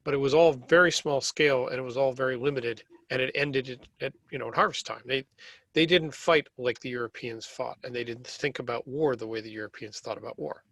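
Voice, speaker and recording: A man speaks at a middle pitch in a casual panel discussion. He builds careful, measured points and often qualifies what he says. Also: a bit bright.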